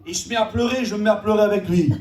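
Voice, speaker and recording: A high-pitched man delivers a sermon with emphatic, repetitive phrasing that climbs to shouts at its peaks. He is picked up from some distance, and the church room around him is echoey. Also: very fast. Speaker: preacher.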